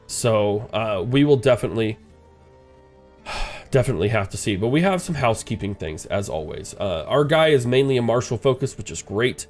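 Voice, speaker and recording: Playing a strategy game, this man thinks aloud in a rambling, casual commentary full of "uh" fillers, his nose clearly stuffed up. His medium-pitched voice is expressive and a little mellow, at normal speed, over soft background music.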